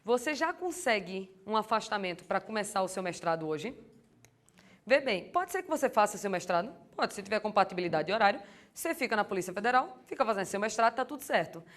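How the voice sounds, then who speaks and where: A young adult woman, lecturing on law for exam prep in a lively, colloquial way and asking the class rhetorical questions. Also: mid-range voice, fast. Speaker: law course teacher.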